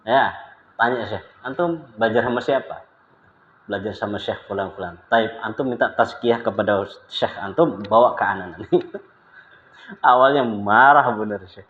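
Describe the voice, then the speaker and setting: A man from Indonesia teaching Arabic, reading dialogue lines slowly and chatting quickly between them with a laugh. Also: fairly low pitch. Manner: reads Arabic dialogue slowly, then chats fast with laughter. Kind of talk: recorded Arabic lesson with anecdotes. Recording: roomy, echoey, dull lo-fi sound.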